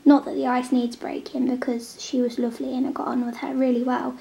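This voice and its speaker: A young woman, congested with a head cold, talks briskly in a level tone while drawing on a tablet at her home table, filmed by a camera on the table. Her chatty talk dips in and out of soft near-whispers. The voice is high, mellow and even, with a gravelly vocal fry.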